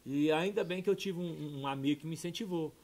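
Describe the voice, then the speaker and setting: A middle-aged man, a pastor telling a heartfelt personal testimony, dropping soft and low then rising loud and excited. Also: brisk. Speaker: pastor and podcast guest.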